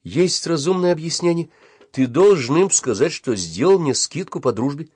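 A man's voice: animated, normal speed, a little mellow, husky, no echo. A man reading an audiobook and voicing an anxious, pleading schoolboy in a raised voice. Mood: coaxing. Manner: high, pleading, near tears. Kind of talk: audiobook character voice.

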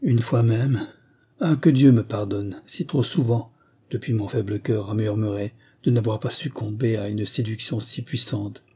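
Male audiobook reader, measured and emotive, soft husky tone. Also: fairly low pitch, steady tone. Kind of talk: scripted narration of a classic novel.

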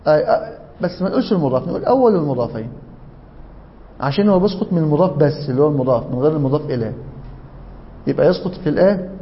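Egyptian male grammar teacher, brisk and animated, higher voice, dull lo-fi recording. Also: slight background noise. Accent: Egyptian Arabic. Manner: animated, jokey, asks the class questions. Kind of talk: lively classroom grammar lesson.

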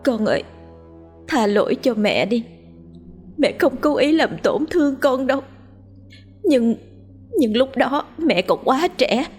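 A woman's voice: sits high, expressive, a little slow, long pauses, husky, faint music behind, voice pushed up, full character voice. A woman voicing a remorseful young wife who pleads through tears in a ghost story. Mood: pleading. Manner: tearful, begging.

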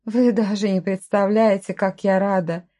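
A woman's voice: medium pitch, fairly even intonation, moderate pace, warm tone, natural voice. A woman reading the lines of a frightened but defiant young woman who answers back sharply, in a storybook reading.

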